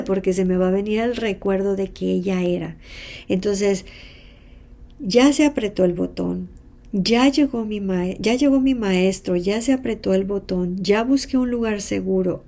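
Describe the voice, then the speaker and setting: A Mexican woman talks through a self-help lesson in a mellow, warm voice at a middle pitch. She tells her examples expressively, voicing the people she quotes and sometimes sinking to a whisper. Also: gravelly. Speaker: hypnotherapist and self-help teacher. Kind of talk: teaching talk with role-played examples.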